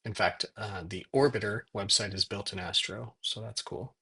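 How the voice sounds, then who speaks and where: A man giving a casual software tutorial, thinking aloud as he works at his computer. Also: fairly low pitch, steady tone, gravelly, breathy edge. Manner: thinks aloud while typing, dictating prompts in slow pieces. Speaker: software demo presenter. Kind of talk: casual screen-recorded tutorial narration.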